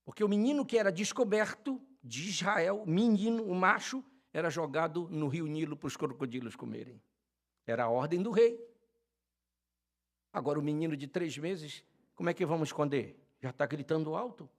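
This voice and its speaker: An older Brazilian man preaching a sermon as a pastor, fervent, swinging from loud shouted calls to quiet storytelling. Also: a little high, expressive, normal speed. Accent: Brazilian Portuguese. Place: church.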